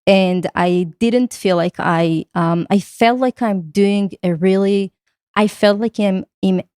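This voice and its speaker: A woman's voice: mid-range voice, slow pace, darkish tone, clean tone, dry recording, studio quality. A woman from Israel, a podcast guest speaking earnestly and reflectively in long, flowing thoughts. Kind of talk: conversational podcast interview.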